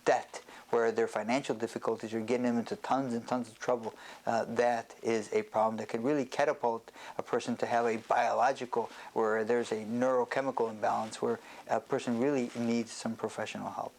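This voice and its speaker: In an educational health talk, a male psychiatrist explains things in a measured manner, pausing hesitantly. His mid-range voice has a darkish tone and a flat delivery.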